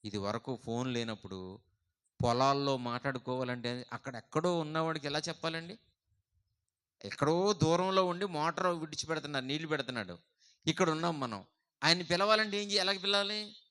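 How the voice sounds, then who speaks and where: Bright-voiced man preaching a dramatic sermon. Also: a little high, a little fast, clean tone. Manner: dramatic, swings from hushed to loud calling; asks the congregation questions.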